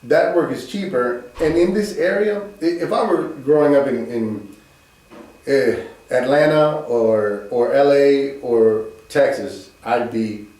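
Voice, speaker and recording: A man who works as an airbrush artist for custom cars, calmly explaining his trade as an interview guest. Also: mid-range voice, slow pace. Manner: calm, explains plainly, small restarts. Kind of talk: casual interview chat. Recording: echoey room, far from the mic.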